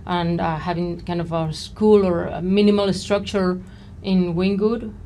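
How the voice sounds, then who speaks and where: Low-voiced woman hosting a chatty interview. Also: fairly even intonation, unhurried, warm tone, slight background noise. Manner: friendly, laughs easily, asks long questions. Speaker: podcast host. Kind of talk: casual interview conversation.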